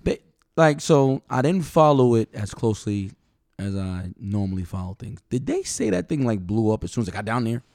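A man co-hosting a podcast from a home dining room studio, telling animated stories and acting out what others said. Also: fairly low pitch, normal speed, gravelly, no room sound. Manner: storytelling, animated, acts out quotes. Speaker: podcast co-host. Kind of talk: casual chat.

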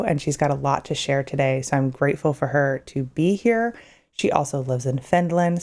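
A woman's voice: low-pitched, dark tone. A woman hosting a podcast, introducing her guest and asking questions in a friendly manner. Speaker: podcast host. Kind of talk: podcast interview.

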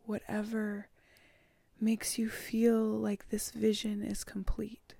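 A woman leads a guided meditation, drawing out each phrase very slowly and often sinking into a whisper. Her voice is mellow and a little gravelly, and she keeps it level with little rise and fall. The recording is close and dry. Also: mid-range voice, completely flat delivery, no echo. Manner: slow, soft and soothing, often whispered.

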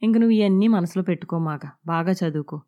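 A woman's voice: on the low side, fast, dull audio, natural voice. Woman reading a blunt coarse-spoken woman friend, audio novel, earthy and plain. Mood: blunt, consoling.

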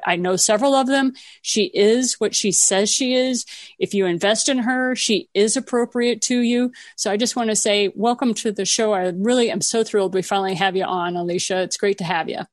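A middle-aged woman hosts an interview show in a velvety, soothing voice. She has the practised delivery of a radio presenter, at a medium pitch, recorded dry with no room sound. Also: dry recording. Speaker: podcast host.

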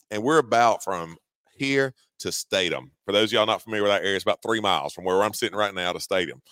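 A man in his forties with a Georgia Southern accent tells a story with folksy, animated energy, laughing at himself along the way. His voice sits fairly low, and the recording is close and dry. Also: no room sound. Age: 40s. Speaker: co-host. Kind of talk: casual storytelling on a sports talk show.

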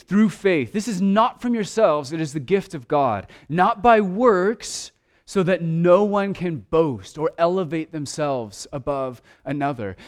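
A man preaching a sermon in an earnest way, stumbling over restarts and at times dropping to a hushed voice. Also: high voice. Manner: earnest preaching with repeated restarts, dropping to a hush for quiet asides. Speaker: pastor.

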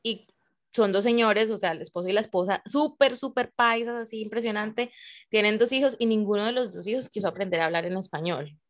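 Conversational woman, lively storyteller in a casual group talk. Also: medium pitch, fairly quick.

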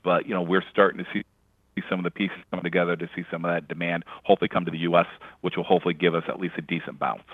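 A man calls in by telephone to give his take on the markets, his voice sitting low and unhurried. He talks in a relaxed, chatty way, leaning on little fillers as he goes. The phone line makes him sound thin and tinny, with no room around him at all. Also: no echo. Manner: relaxed, conversational, with frequent "you know" fillers. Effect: heard over a phone line. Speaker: grain and livestock market analyst. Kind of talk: casual market commentary in an interview.

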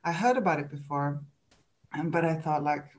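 With a low-pitched voice, a Swedish coach answers podcast interview questions in English, her second language, carrying a Swedish accent. Her speech is reflective and halting, broken by restarts and little laughs.

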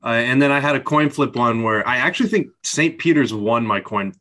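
A man's voice: medium pitch, fairly quick, pushed and bright. A man hosting a podcast in a laid-back, easygoing way, laughing along with his guests. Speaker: podcast host. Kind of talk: casual podcast chat.

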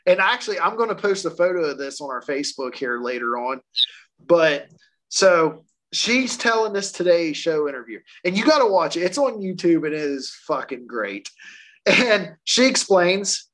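Excitable male podcast co-host, very lively pitch, unhurried delivery. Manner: excitable, laughs often, swears casually. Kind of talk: casual storytelling chat.

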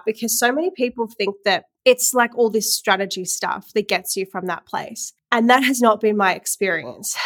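A young women's empowerment coach hosts her own podcast, streamed live, in a casual, earnest solo chat full of fillers and restarts. Her medium-pitched voice is slightly nasal and a bit bright, in clean studio sound with no room sound.

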